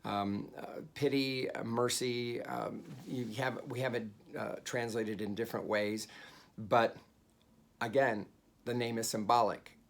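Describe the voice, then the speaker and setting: A man's voice: medium pitch, fairly even intonation, a little slow, gravelly. A man leading a Bible study, teaching conversationally with many fillers and restarts and explaining Hebrew words.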